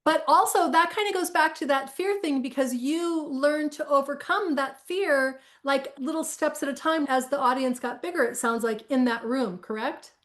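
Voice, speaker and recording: Woman interview host; high, bright-pitched, supportive and conversational. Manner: warm, affirming, quick to summarize. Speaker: podcast host.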